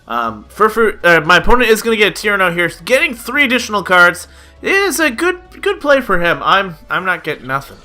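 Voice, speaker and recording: His high voice swoops wildly in pitch as this young gaming YouTuber chats through card game play-by-play fairly quickly. The tone is bright and forceful, slightly nasal from a cold, with plenty of "uh." Background music is present.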